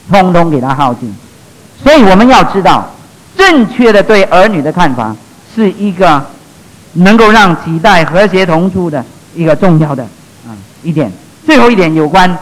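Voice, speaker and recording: A middle-aged male pastor delivering a sermon in a high voice. He tells stories from his counseling work, pushing some lines out with force and dropping others to a near hush. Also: low-quality recording. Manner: storytelling, swings between loud emphasis and hushed asides.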